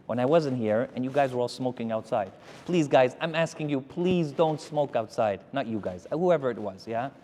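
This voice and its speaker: A man, a rabbi, giving a Torah lecture to his congregation and telling stories with animated energy. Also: medium pitch, normal speed, long reverb tail, slight background noise. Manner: animated storytelling, addressing the crowd directly.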